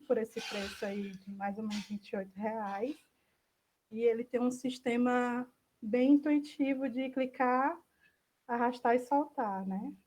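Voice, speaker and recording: On an online video call from indoors, a woman with a Brazilian accent gives an informal presentation. Her voice is a little high and warm, the recording is rough, and she speaks tentatively, correcting herself as she goes.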